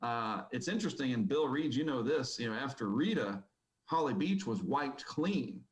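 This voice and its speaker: A man's voice: medium pitch, animated, normal speed, low-quality recording. Casual-talking man giving a conference talk. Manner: casual, rambling, with many fillers. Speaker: conference speaker. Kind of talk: presentation talk. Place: conference hall.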